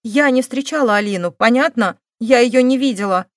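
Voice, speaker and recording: A woman's voice: fairly high pitch, normal speed, dry recording, clean studio sound, natural voice. A woman voicing a sullen, defiant young woman who answers questioning with curt, stubborn denials.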